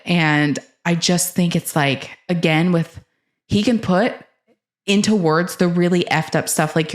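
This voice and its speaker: A young woman hosting a casual talk about favorite songs, rambling and enthusiastic with many fillers and restarts. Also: low voice. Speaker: host. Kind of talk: casual chat about music.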